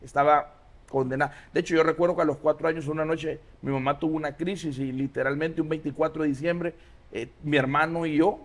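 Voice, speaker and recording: A man in his forties, a pastor, telling his life story as an interview guest with many pauses and fillers. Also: on the high side, steady tone. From Honduras. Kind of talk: casual interview.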